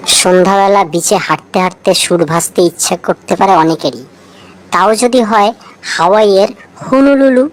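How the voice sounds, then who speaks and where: As co-narrator of a feature video, a woman reads a light, scripted trivia piece, speaking directly to the listener and asking rhetorical questions. Her voice is medium-pitched at a moderate pace, and the rough recording has a little hiss or hum.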